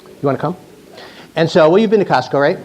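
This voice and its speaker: A man's voice: a little high, lively intonation, fast talker, darkish tone. A man in his sixties, a chiropractor giving a joking, chatty talk to a live audience, often restarting his sentences. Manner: chatty, self-mocking, with many restarts.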